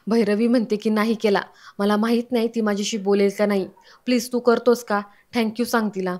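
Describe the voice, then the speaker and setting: A woman recounts a television serial episode scene by scene in a Marathi accent. She reads out every character's dialogue herself in a steady, mid-pitched voice. Her intonation stays flat and even throughout. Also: a little fast. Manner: reads all characters' lines herself, quoting them in a mostly even tone. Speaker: serial episode recap narrator. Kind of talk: storytelling recap of a TV serial.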